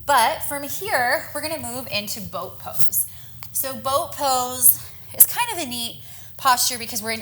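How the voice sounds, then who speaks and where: A woman's voice: on the high side, sharp tone. A young woman leading a yoga class, giving encouraging breath-timed cues and sounding a little out of breath. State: slightly out of breath. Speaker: yoga instructor. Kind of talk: guided yoga class instruction.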